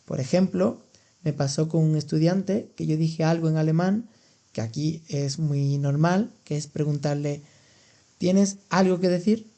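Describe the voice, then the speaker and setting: Unhurried and dark-toned yet fairly high in pitch, a young Spanish man from Andalusia hosts a laid-back podcast for language learners. He teaches with patience, explaining expressions through examples.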